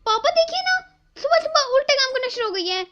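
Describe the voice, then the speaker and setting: A woman's voice: very high voice, lively intonation, a little fast, fairly bright tone, lo-fi sound. A woman doing a whiny spoiled stepsister. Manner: whiny, tattling.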